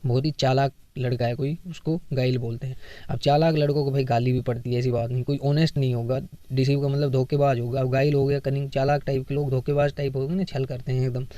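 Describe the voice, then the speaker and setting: A man's voice: medium pitch, level tone, fast, mellow, no echo. A man teaching English vocabulary for exams in a casual lesson, explaining words with memory tricks and acted everyday examples. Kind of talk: casual Hindi exam-prep lesson.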